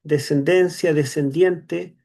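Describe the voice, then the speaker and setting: A Chilean man teaching a theology class, explaining slowly with many "eh" fillers and tag questions. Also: on the high side, fairly even intonation, creaky, mellow. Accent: Chilean Spanish. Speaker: seminary teacher. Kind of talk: online theology lecture.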